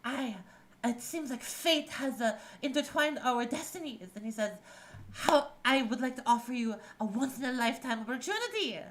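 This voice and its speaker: A woman's voice: high-pitched, expressive, moderate pace. A woman voicing a flamboyant, gushing short male showman who talks in theatrical exclamations. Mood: grand.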